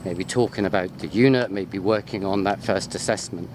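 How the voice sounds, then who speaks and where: Here a low-pitched male voice at moderate speed belongs to a university lecturer from the United Kingdom. He's out in botanical gardens filming an off-the-cuff walking chat, drifting between topics with plenty of jokes. Audio comes from a handheld wide-angle sports camera, with walking-outdoors background noise.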